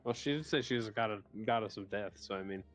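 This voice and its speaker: A male player in a tabletop game who speaks in a casual, somewhat hesitant way. His voice sits a little low, and his remarks come across as relaxed and offhand. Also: fast, soft background music.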